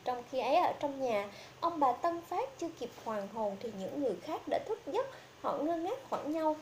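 A woman's voice: sits high, big pitch swings, normal speed, a little mellow, a little hiss or hum. A woman reading out a horror story as a storyteller, playing all the characters herself with little change of voice.

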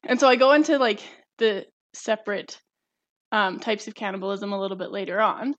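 A woman's voice: medium pitch, a little fast. A young woman co-hosting a podcast, explaining a topic eagerly, like a student presenting research. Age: young adult. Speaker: podcast co-host. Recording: slightly dull lo-fi sound.

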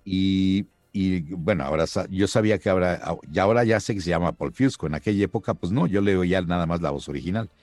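A middle-aged man, a voice actor, telling a lively anecdote in an interview and acting out the voices he quotes. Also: deep voice, quick pace, few pauses, no echo. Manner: lively storyteller who acts out quoted voices.

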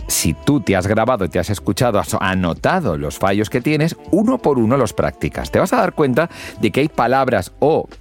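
Lively man coaching speech. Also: mid-range voice, normal speed, soft background music. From Spain. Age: middle-aged. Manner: lively, demonstrates pronunciation with exaggerated examples. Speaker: podcast host and public speaking mentor. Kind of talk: instructional podcast talk.

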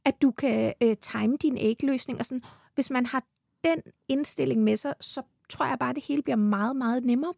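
A pregnant woman with a Danish accent talks in a fairly high voice with plenty of gravelly fry. She gushes and swears casually, close to a dry studio mic. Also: darkish tone, no echo. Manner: enthusiastic, swears freely, laughs often. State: heavily pregnant. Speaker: podcast guest. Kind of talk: casual chat.

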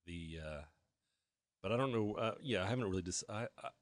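Deep-voiced man in his fifties. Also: dry recording, studio quality. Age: 50s. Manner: halting, restarts with repeated words. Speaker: guest. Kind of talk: candid conversational storytelling.

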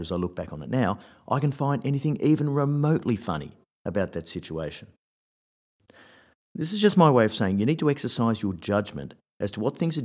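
A man's voice: on the low side, a little mellow. A man, hosting a scripted advice talk and telling workplace anecdotes in a wry, conversational way.

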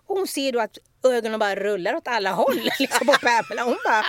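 A woman's voice: fairly high pitch, background noise. A woman hosting a podcast, telling a story in casual chat and acting out the people in it. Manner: animated, acts out the people in her story. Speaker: podcast host.

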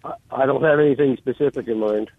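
A man calls in to a radio show and speaks hesitantly, clearing his throat. The audio is dry and thin, like a phone line. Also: mid-range voice, fast, dry recording. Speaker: caller.

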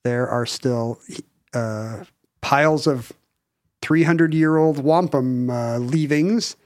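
An American man co-hosting a podcast, rambling and halting, with dry humor. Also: mid-range voice, a little mellow. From United States. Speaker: podcast co-host. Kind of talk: casual chat. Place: Pacific Northwest.

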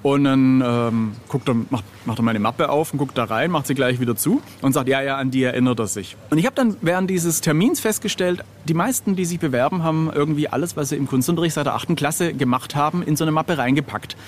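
A Swabian man from southern Germany in his late forties, a freelance illustrator and cover artist, is interviewed at a city street café. He tells anecdotes casually and fast in a fairly high voice with few pauses, quoting others directly. Ambient café noise from outdoors fills the recording.

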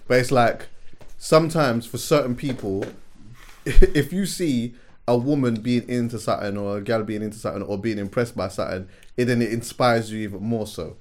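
A man's voice: medium pitch, moderate pace. A man with a London roadman accent interviewing in casual street slang, probing and chipping in with agreement.

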